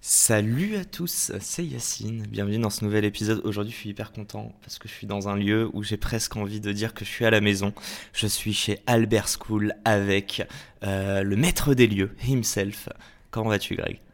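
A young man hosting a podcast in casual, lively conversation, swearing and laughing freely. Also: on the low side, normal speed, creaky. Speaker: podcast host. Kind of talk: casual interview chat.

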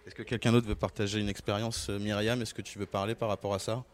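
A man's voice: on the low side, level tone, fast talker. A man moderating a live roundtable, asking questions hesitantly with many restarts. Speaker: discussion moderator.

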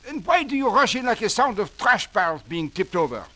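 A grandiose French stage director with a heavy French accent, who turns every sentence into a flourish. His voice sits a little high, and he speaks with a flowery, melodramatic air in vintage radio comedy style. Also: sing-song, brisk, bright, forceful tone, exaggerated voice. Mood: exasperated. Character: pompous, theatrical male French drama director.

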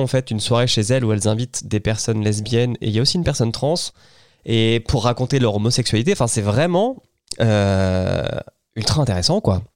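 A man's voice: mid-range voice, darkish tone, no room sound, clean studio sound. A man hosting his own podcast, chatting enthusiastically about a show he recommends, with plenty of fillers and restarts. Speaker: podcast host.

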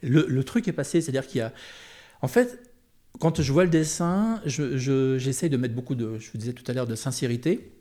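Un homme d'âge mûr, auteur de bande dessinée, parle en entretien de façon animée, avec des hésitations et des reprises. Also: male voice, medium pitch, a little fast. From Chablais, French Alps. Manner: animated, hesitant, many restarts. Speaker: comic book artist. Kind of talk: casual interview conversation.

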